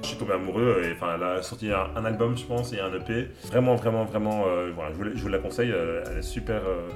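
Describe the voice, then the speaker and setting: A man's voice: fairly low pitch, fast talker, roomy sound, faint music behind. A man co-hosting a casual chat, recommending songs and films with enthusiasm, rambling through lots of fillers and restarts. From Belgium. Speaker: podcast co-host.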